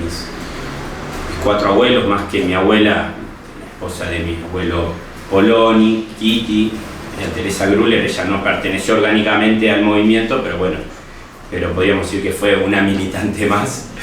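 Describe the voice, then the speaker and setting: A young man with a Uruguayan Spanish accent, a history student and teacher, speaking reflectively with many restarts and tag questions in a personal interview. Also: lowish voice. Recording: echoey room, distant mic, faint noise.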